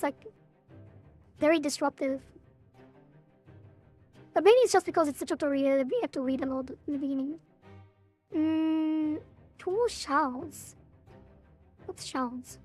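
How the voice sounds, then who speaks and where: A woman streamer giving casual gameplay commentary, thinking aloud and reading bits of game text. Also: high-pitched.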